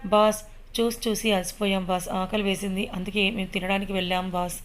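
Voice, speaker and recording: Henchmen: a woman reading fawning, whiny thugs, flat delivery. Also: medium pitch, a little fast, faint music behind, natural voice. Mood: whining. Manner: whining, fawning. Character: servile male henchmen, whiny.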